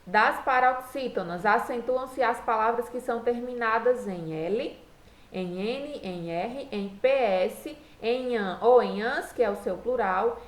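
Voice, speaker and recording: A woman teaching a recorded lesson, patiently walking through each rule step by step. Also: fairly high pitch. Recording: echoey room.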